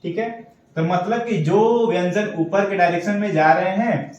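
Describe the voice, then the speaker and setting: A man's voice: high-pitched, moderate pace, a little mellow, heavy reverb, far from the mic, low-quality recording. A man teaching an online shorthand class, explaining step by step and checking in often. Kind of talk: online lesson.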